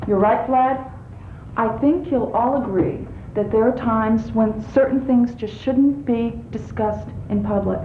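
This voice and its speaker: A woman announcing in a slow deadpan on a comedy show. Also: a little high, slight background noise. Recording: tinny echoey lo-fi recording.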